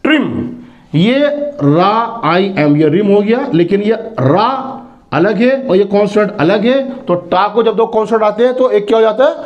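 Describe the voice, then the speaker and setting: A man teaches English sounds in a fairly high voice. He sounds out each example word slowly and asks questions that he answers himself. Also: muffled recording. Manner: repeats words slowly, asks and answers his own questions. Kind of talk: phonics lesson.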